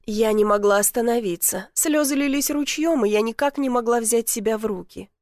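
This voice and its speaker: Expressive woman narrating an audiobook. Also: on the high side, fairly quick, dry recording, clean studio sound. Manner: emotional, expressive reading. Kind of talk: first-person audiobook narration.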